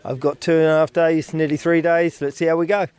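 A man's voice: on the high side, little pitch movement, fairly quick, darkish tone, clear, resonant tone. A man taking part in a bike race, answering interview questions with dry, laconic, joking replies. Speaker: race participant being interviewed.

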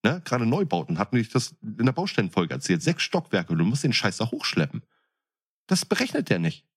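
His fairly low, slightly rough voice moves quickly and swings widely in pitch as he argues. The man is a podcast co-host and veteran window fitter, speaking in blunt, coarse, emphatic colloquial terms during a casual chat.

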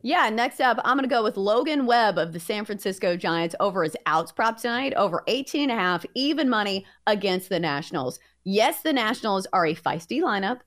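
Woman, betting show co-host, casual tips and banter, confident, playful, widely varied pitch. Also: expressive, fairly quick, hardly any pauses, fairly bright tone.

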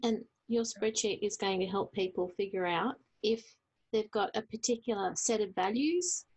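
A woman's voice: mid-range voice, normal speed, a little mellow, slightly rough. A woman hosting a podcast, affirming and thanking her guest. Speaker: podcast host. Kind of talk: casual interview.

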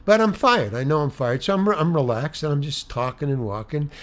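A man's voice: a little high, lively intonation, brisk. A man, an actor, telling a story in conversation, animatedly voicing both sides of each exchange. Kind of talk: anecdote in conversation.

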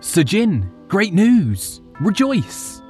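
A narrator voicing an excitable male retainer who speaks in an eager, breathless, high-pitched way. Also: measured pace, soft background music. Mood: excited.

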